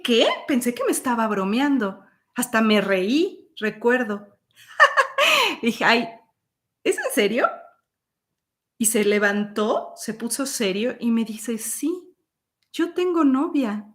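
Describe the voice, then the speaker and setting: A woman telling a personal story as host, acting out quoted dialogue with sudden high peaks. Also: expressive, slow pace.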